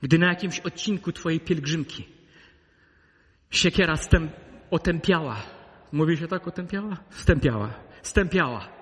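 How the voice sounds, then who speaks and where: High, bright-voiced preacher in a reverberant hall. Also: male voice, steady tone, moderate pace, pauses often. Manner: emphatic preaching that swings between loud peaks and low intimate asides. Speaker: pastor. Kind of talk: sermon.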